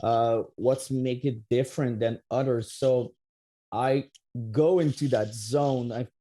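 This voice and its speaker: Taking it slowly, a metal musician in his thirties from Quebec, Canada, answers interview questions in a warm, medium-pitched voice with fairly even intonation. His Québécois French accent comes through, and his replies are rambling, packed with restarts and fillers.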